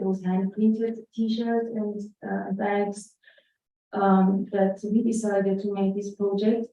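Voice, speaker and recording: A young woman with an Iranian accent giving a hesitant conference talk, full of fillers and restarts, partly reading a statement aloud. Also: mid-range voice. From Iran. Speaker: conference speaker. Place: conference room. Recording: echoey hall, distant dull mic.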